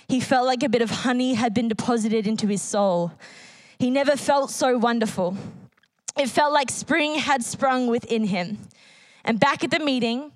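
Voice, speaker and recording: A high-voiced woman preacher gives an earnest sermon at a church service, reading a testimony aloud and repeating key phrases for emphasis. The recording is low in quality but has no echo.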